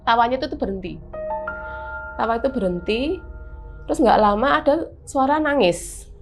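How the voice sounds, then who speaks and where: A bright-voiced woman with a Javanese accent tells a spooky story of her own in a relaxed chat, animated and full of fillers. Her voice sits fairly high, and soft music hums underneath. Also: moderate pace. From Semarang, Central Java, Indonesia. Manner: animated, vivid retelling with many fillers. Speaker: guest telling a personal horror story.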